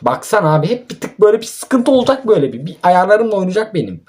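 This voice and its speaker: A man's voice: high voice, sing-song, racing, a little mellow. Ranting young gamer man. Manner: exasperated, ranting and swearing at his own team. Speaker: mobile football gamer and YouTuber. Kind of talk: gameplay commentary.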